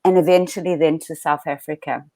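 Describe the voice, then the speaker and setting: Woman, Danish accent, low pitch, dry sound, reflective storytelling, video call guest. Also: steady tone, a little fast, dry recording. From Denmark. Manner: reflective, warm storytelling with restarts. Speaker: guest coach. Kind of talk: interview conversation.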